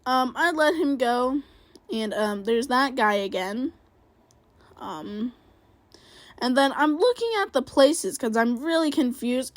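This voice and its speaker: A woman's voice: a little high, no room sound. A woman giving casual play-by-play commentary on her own racing game, rambling and self-critical, with many fillers. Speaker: gaming video creator.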